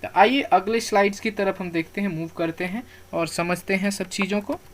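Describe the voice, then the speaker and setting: A man teaching grammar terms on slides. He repeats key words slowly for pronunciation, asks questions and answers them himself, and tells learners not to worry. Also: high-pitched, fairly even intonation, slight background noise.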